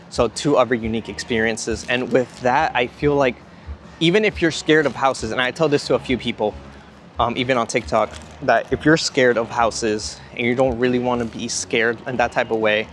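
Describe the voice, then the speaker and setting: A young man talks in a mid-pitched voice, rambling and repeating himself as he vlogs. He sounds slightly out of breath. He is outdoors, with faint music somewhere behind him. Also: fairly bright tone. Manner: enthusiastic, rambling, repeats words. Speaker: theme park vlogger. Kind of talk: casual rambling vlog talk. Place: outdoors at a theme park. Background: music from nearby.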